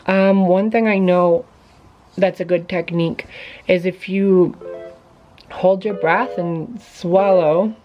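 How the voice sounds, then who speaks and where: A woman's voice: fairly low pitch, fairly even intonation, slow pace, highs cut off. A woman vlogger talking casually to camera, sharing tips in an informal, chatty way with many fillers.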